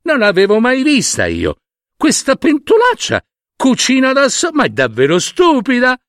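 Shrill, scornful folktale girl, put on by a male narrator, sky-high and swooping, very lively. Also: normal speed, dry recording, studio quality, exaggerated voice. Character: rude mocking young village girl.

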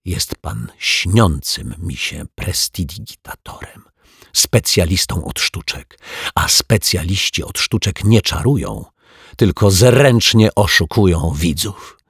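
A man's voice: low voice, expressive, slow, a bit bright, husky, dry recording, studio quality, exaggerated voice. A man voicing a timid but stubborn male detective in a storybook reading. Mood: firm.

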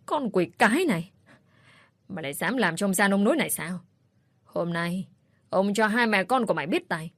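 A woman's voice: medium pitch, lively intonation, moderate pace, long pauses, dry recording. A woman voicing a brutal, drunken older father who sneers and bellows abuse. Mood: raging. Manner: abusive, sneering, shouting.

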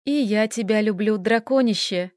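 A woman voicing an impulsive young vampire bride in quick, emphatic bursts. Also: mid-range voice, darkish tone, no room sound, studio quality, lightly acted. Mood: tender.

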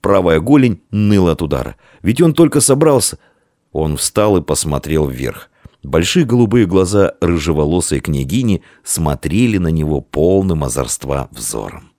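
A man narrating a children's story with expressive reading. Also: low voice, normal speed, dry recording, studio quality. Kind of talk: audiobook narration.

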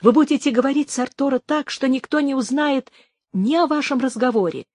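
A woman voicing an eager, helpful male priest who speaks in a brisk, raised and reassuring way, in a storybook reading. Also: high-pitched, a little mellow, dry recording, studio quality, voice pushed up, natural voice.

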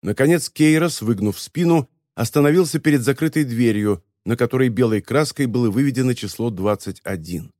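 A man reading a story as an audiobook narrator, in an even, measured telling. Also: mid-range voice, no echo, studio quality. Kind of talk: scripted narration.

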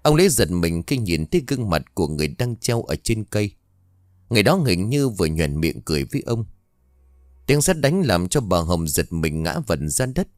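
Low-voiced storyteller. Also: male voice, sing-song, normal speed, no echo, clean studio sound. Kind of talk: scripted horror story narration.

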